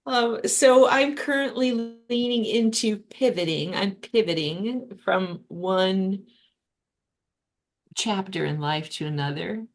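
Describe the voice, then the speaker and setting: A woman near retirement facilitating a casual group meeting, playful and quick to laugh. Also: medium pitch, expressive.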